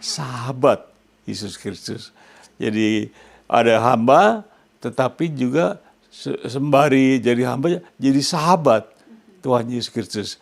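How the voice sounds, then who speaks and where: Gravelly-voiced male pastor preaching. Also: mid-range voice, unhurried. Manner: asks the congregation questions and answers them himself, rising loud on quoted words. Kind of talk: sermon.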